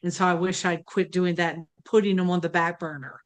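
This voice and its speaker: A woman's voice: fairly low pitch, flat delivery, a little fast. A woman participant on a video call sharing her takeaway in a rambling way, saying "you know" often. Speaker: class participant.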